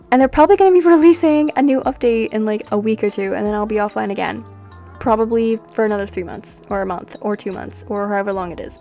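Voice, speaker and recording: Young female vlogger, higher register, casual rambling voice-over, faint background music. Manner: rambling, self-deprecating, laughs often. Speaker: sims builder and video creator. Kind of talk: casual voice-over chat over gameplay.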